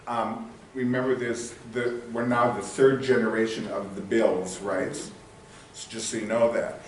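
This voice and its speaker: A man's voice: mid-range voice, a little hiss or hum. A man giving a casual local history talk to a meeting, rambling and searching for words with many fillers. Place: meeting hall. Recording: echoey room from far off.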